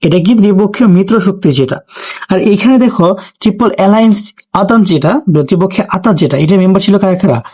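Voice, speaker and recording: Quick-talking young male teacher. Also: high voice, animated, darkish tone, slightly rough. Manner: explains step by step, addresses students directly; mixes in English words. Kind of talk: exam question solving lesson.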